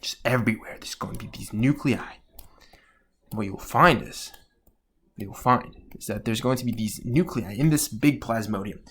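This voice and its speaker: A man giving an explanatory lesson as a tutor, working through a question aloud with deliberate emphasis and rephrased points. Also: fairly low pitch, fairly bright tone.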